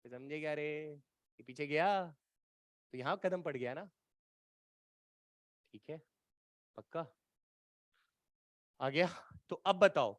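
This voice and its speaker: A man's voice: fairly high pitch, slow pace, pauses often, fairly bright tone, dry recording. A man teaching an exam-prep physics lecture, coaxing and colloquial, often checking whether students follow. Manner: colloquial, playful teasing tone.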